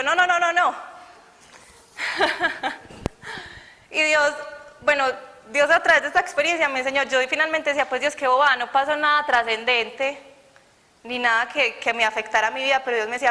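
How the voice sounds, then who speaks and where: Young woman, earnest chatty preacher, higher voice, reverberant hall. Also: sharp tone. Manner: earnest, conversational, acts out quoted dialogue. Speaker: church youth speaker. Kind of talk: sermon with personal testimony.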